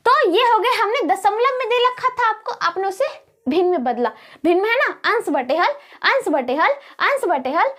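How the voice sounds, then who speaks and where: A woman's voice: very high-pitched, animated, moderate pace, a bit bright. A woman math teacher with a Bihari Hindi accent, explaining rules step by step to students in a classroom lesson.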